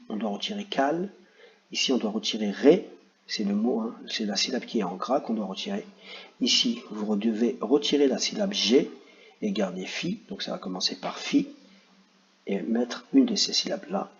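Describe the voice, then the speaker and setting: A male primary school teacher guides young pupils through worksheet exercises step by step, speaking to the children directly. He is patient and encouraging, his voice at an ordinary middle pitch, and the recording sounds somewhat dull and lo-fi.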